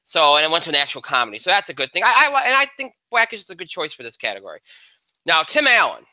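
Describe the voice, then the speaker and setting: A man's voice: fairly high pitch, wildly swooping pitch, fast talker, sharp tone, no echo, low-quality recording. A man hosting a casual talk show, analyzing award winners in a rambling way with many restarts. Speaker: podcast host. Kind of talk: casual chat.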